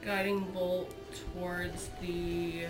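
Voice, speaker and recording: A woman's voice: fairly low pitch, flat delivery, slow pace, over music. A woman talking casually as a player in a tabletop game.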